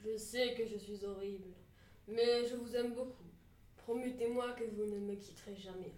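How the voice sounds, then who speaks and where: A woman voicing a gentle, sorrowful male beast in a fairy-tale reading, slow and soft-spoken. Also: a little high, steady tone, reverberant, far from the mic, lightly acted. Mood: mournful.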